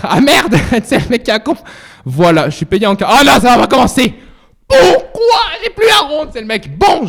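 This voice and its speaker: Very high-pitched, lively young man streaming. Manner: excitable, swears often, playful outbursts. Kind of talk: casual livestream chat.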